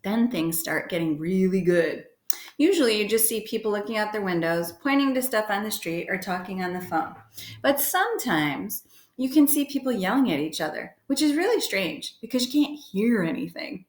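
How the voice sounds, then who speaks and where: A woman's voice: medium pitch, moderate pace, echoey room. A woman reading the first chapter of a children's novel aloud, giving short voices to the characters. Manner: lively storytelling with brief voices for characters. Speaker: reader.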